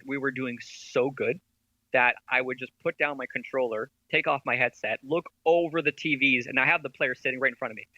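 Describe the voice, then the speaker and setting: A man guesting on a podcast as an esports veteran and company head, telling stories in an animated way and laughing often. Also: mid-range voice, no echo, muffled recording. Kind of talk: casual podcast interview.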